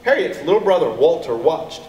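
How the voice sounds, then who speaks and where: Recorded on a distant mic with echo and background noise, a middle-aged American elementary school teacher reads a picture book expressively to his pupils, speaking to them directly. He talks at a normal speed in a very animated, darkish voice on the high side.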